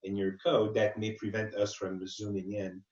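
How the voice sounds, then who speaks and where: Fairly low and a little mellow, his voice barely rises or falls as he speaks at a moderate pace. He's an accessibility expert hosting a casual webinar Q&A, thinking aloud and rephrasing, heard through muffled, band-limited audio.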